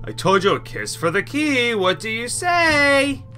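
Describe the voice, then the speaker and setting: A man's voice: very high-pitched, sing-song, unhurried, pushed and bright, faint music behind, pitched above the performer's own voice, full character voice. A man voicing a creepy old man who wheedles for a kiss in a video game. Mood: leering.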